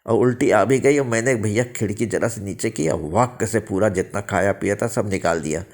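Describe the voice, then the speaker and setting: A man's voice: fairly low pitch, moderate pace, darkish tone. A man narrating his own ghost story in the first person, rambling, with many fillers and restarts. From India.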